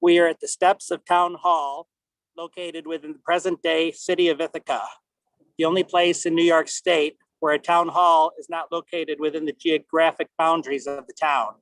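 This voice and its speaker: A man's voice: a little high, level tone, moderate pace, fairly bright tone, no echo, rough recording. A man presenting prepared explanatory narration to introduce a historical reenactment.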